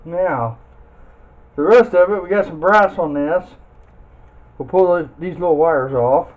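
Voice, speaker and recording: On muffled, phone-like audio with heavy background noise, a man with a somewhat high voice demonstrates scrapping at an unhurried pace. He's a folksy, plainspoken hobbyist who chats casually through the teardown and mumbles to himself while working.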